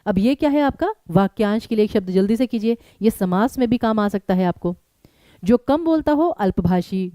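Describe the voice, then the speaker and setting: A woman teaching a live exam-prep class. Her voice is mellow and rather high, and it swings widely as she talks straight to her students. The recording is dry and close. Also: no echo. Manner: animated, addresses students directly.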